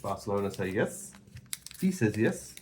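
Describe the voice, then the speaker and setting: A playful man co-hosting a card pack opening. His pitch swings around a lot as he calls out each card in a casual, bantering commentary. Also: sing-song, normal speed, darkish tone, slight background noise. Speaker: co-host opening football card packs.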